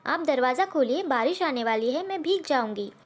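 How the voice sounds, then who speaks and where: A woman's voice: sits high, lively intonation, normal speed. Woman reading a polite little sparrow.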